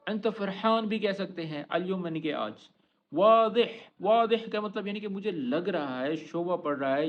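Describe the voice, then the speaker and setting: A man teaching everyday spoken phrases in a casual, coaxing way, slowing down to model each phrase. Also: sits high, highs cut off, slight background noise. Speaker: Arabic teacher. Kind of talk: casual spoken-language lesson.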